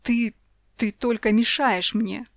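A woman's voice: a little high, normal speed, no room sound, clean studio sound, close to an everyday voice. A woman voicing a doting but hot-tempered father in a storybook reading. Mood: angry. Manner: stern, raised voice.

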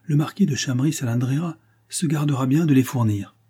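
A man's voice: mid-range voice, a little fast, dark tone, husky, voice pushed up. A man reading the part of a scheming young male bandit in an audiobook, speaking in a mocking, carefree tone.

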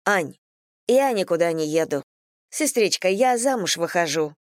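A woman's voice: lowish voice, measured pace, dry recording, clean studio sound. A woman doing a giddy young bride-to-be. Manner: bubbly, playful, excited.

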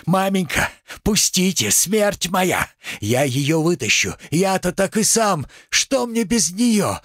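A frightened young husband begging in a strained, raised voice, as a male reader acts him out. The voice is husky, and the pitch rises and falls widely. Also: very animated, slow, fairly bright tone, dry recording, studio quality, heavily acted. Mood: pleading. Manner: pleading, anxious. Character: timid, desperate young husband.

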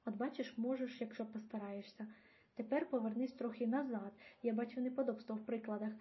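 A woman reading an older grandfather who patiently coaches his grandson through grammar, gently teasing. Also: on the high side, fairly even intonation, a little fast, lightly acted. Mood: coaxing. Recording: dull lo-fi audio.

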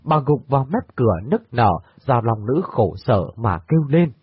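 A man narrating a dramatic story as an audiobook reader, in an expressive storytelling manner. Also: mid-range voice, normal speed, slightly rough, no echo. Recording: dry, tinny phone-like sound.

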